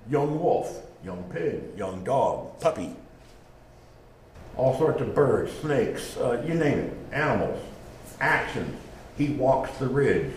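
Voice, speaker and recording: This lowish, darkish male voice belongs to a speaker on genealogy and naming giving an informal, conversational lecture in which he acts out little dialogues while explaining. The recording has a roomy echo and faint background noise.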